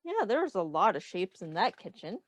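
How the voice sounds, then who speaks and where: A woman with a mid-range voice reads a picture book aloud as a teacher, asking young children questions and explaining things simply in instructive phrasing meant for them. She speaks at a moderate pace with big pitch swings, and there's no room sound.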